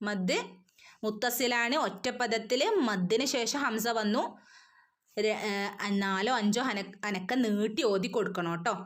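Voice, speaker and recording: A woman teaching an online Quran recitation lesson, patiently explaining rules between slow chanted verses. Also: medium pitch.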